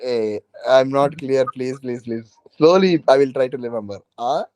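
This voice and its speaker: A man's voice: mid-range voice, moderate pace, darkish tone, clean tone, no echo. A man with a South Indian accent teaching an informal online class, often repeating phrases and checking that students follow. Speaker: teacher of a current affairs exam class.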